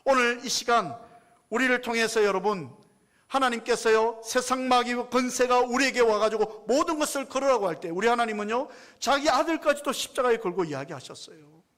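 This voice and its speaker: A male pastor preaching a sermon in a notably high voice. He speaks emphatically and keeps throwing rhetorical questions to his congregation. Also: fairly quick, fairly bright tone.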